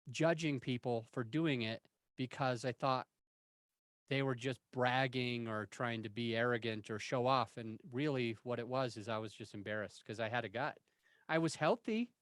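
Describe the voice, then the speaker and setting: A man's voice: mid-range voice, normal speed, clean tone, no room sound. A man of forty-one telling candid, self-deprecating stories in a casual interview, rambling and restarting his sentences. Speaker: interview guest.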